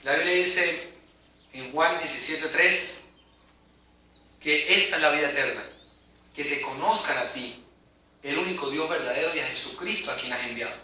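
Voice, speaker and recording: A man delivers an emphatic, dramatic sermon, his voice high and piercingly bright. He is recorded from across a room that echoes heavily, so every phrase rings out around him. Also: moderate pace, long pauses. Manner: emphatic, dramatic preaching with rising and falling intensity. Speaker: preacher. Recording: very echoey hall, mic at a distance.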